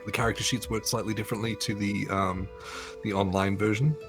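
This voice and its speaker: A man running a tabletop game on a live stream, explaining the rules in a relaxed, enthusiastic way and swearing casually. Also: on the low side, brisk, faint music behind. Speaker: game master.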